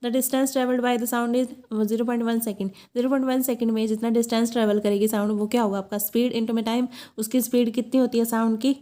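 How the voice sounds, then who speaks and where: Woman teacher, higher pitch with a warm, mellow tone, lecturing step by step. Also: flat delivery. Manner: explains step by step, asks herself questions, reads English definitions slowly. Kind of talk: classroom lecture.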